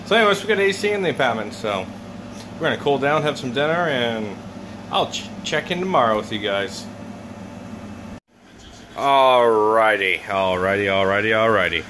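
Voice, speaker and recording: A middle-aged man, chatty and upbeat, narrating a casual vlog to a handheld camera. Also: mid-range voice. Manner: chatty and upbeat, talks to viewers as he goes. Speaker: vlogger and truck driver. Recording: noisy handheld recording.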